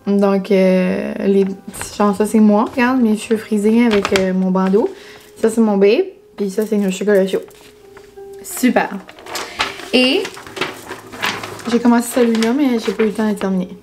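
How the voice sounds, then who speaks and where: A woman's voice: mid-range voice, fairly even intonation, measured pace, pauses often, over music. A young woman with a Quebec French accent chatting casually to camera, full of fillers and English words. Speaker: vlogger. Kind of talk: casual vlog chat.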